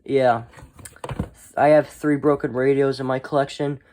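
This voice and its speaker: In a measured, fairly flat mid-range voice with a darkish tone, a hobbyist collector chats through a show-and-tell video. There's a little hiss or hum, and his rambling thoughts often trail away.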